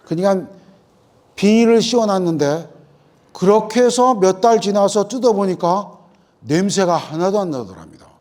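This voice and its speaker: A man's voice: high voice, expressive, normal speed, darkish tone. A middle-aged man lecturing farmers in a hall, telling folksy anecdotes and acting out what people said to him. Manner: folksy, tells anecdotes, acts out farmers' lines. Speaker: agricultural lecturer.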